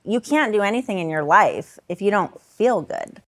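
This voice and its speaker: A woman in her forties speaking emphatically and a little haltingly in an interview. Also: medium pitch, animated, no echo. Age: 40s. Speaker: client giving a testimonial. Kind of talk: interview testimonial.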